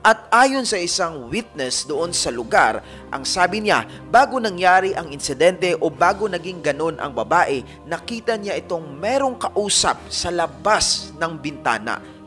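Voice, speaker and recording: Bright high-voiced male storyteller. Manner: addresses listeners as a fan group, dramatic retelling. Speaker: narrator of a paranormal story channel. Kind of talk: storytelling narration.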